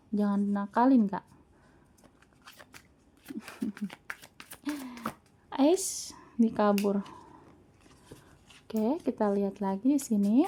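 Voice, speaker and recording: Chatty woman reading tarot, mellow voice. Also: medium pitch. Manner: chatty, teasing, laughs often. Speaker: tarot reader. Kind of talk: casual tarot reading to viewers.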